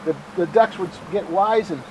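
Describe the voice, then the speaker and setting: A middle-aged man giving an informal tour as a calm museum guide, explaining things in a matter-of-fact, halting, folksy way. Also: sits high, muffled recording, slight background noise. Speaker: bird sanctuary museum guide and bird bander.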